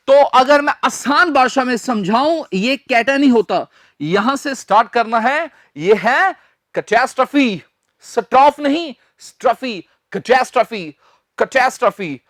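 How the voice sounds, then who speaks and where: A man teaching English pronunciation, repeating each word slowly and emphatically for learners to copy. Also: extremely high pitch, a bit bright, no echo, clean studio sound. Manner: slow and emphatic, repeating words for drill. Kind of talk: spoken English lesson.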